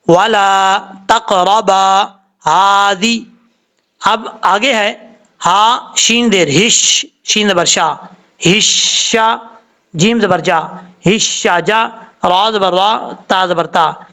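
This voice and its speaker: A high-voiced man teaches Quran recitation step by step. He names each letter and its vowel mark, then drawls out the recited word with care. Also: bright, forceful tone. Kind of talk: slow step-by-step tajweed lesson.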